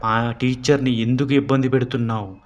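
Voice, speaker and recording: A man voicing the angry ghost of a young boy, shouting slowly and drawn out. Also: mid-range voice, steady tone, muffled recording, lightly acted.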